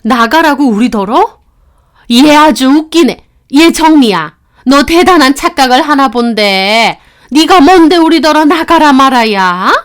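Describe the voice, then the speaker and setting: A woman's voice: fairly high pitch, expressive, slow, few pauses. A woman voicing a domineering middle-aged mother-in-law who talks in a scornful, bossy way.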